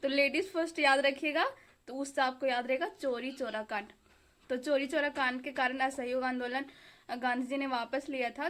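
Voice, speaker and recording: A woman's voice: high-pitched, fairly bright tone. A young woman from India chatting casually in a home vlog, rambling with fillers while she cooks and studies. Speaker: vlogger, exam aspirant. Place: home kitchen and study table.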